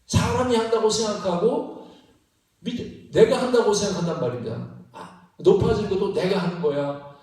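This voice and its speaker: A man's voice: sits high, moderate pace, a little mellow. A male pastor preaching a sermon in a church sanctuary. He speaks emphatically, repeats his points and laughs between phrases. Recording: echoey church hall, mic at a distance.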